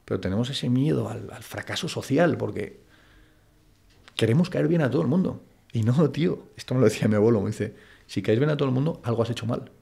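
In a casual interview, a Madrid-accented Spaniard talks fast and animated in a mid-range, gravelly, dark voice. He speaks bluntly and colloquially, constantly saying "tío" and "macho."

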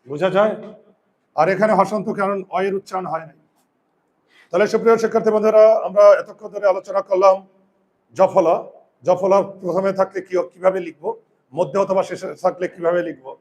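High-voiced male teacher. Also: steady tone, fairly quick, long pauses, darkish tone. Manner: explains step by step with frequent questions to students. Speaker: Bengali grammar teacher. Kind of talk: whiteboard pronunciation lesson.

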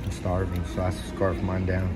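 A man's voice: deep voice, completely flat delivery, normal speed. A man filming his family at an outdoor fair on a phone, teasing and laughing with them in casual commentary. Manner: laid-back, teasing, chuckling. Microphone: handheld phone camera. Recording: noisy outdoor fair with music. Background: loud crowd and fair music.

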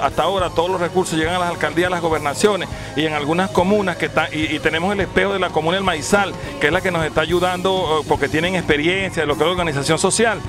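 A man speaking as a commune member in an outdoor street interview, measured and hesitant, into a handheld mic. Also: a little high. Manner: measured, with fillers. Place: outdoors at a rural community meeting. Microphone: handheld reporter mic.

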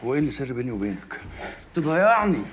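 Brief: actor as an angry young Egyptian engineer, rapid, swinging pitch. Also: male voice, very animated, very noisy, natural voice. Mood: furious. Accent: Egyptian Arabic. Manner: sarcastic, then shouting. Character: young male engineer, furious and confrontational. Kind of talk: TV drama acting.

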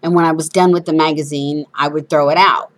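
Woman, low pitch, missing front teeth with whistly sibilants, chatty craft demonstration, informal. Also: steady tone, fairly quick. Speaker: craft show host. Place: indoors at a craft table.

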